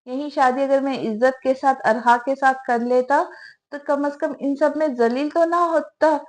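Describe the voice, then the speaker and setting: A woman's voice: high-pitched, fairly even intonation, darkish tone, close to an everyday voice. A woman voicing an angry young husband in a novel reading, complaining indignantly about his humiliation. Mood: bitter anger.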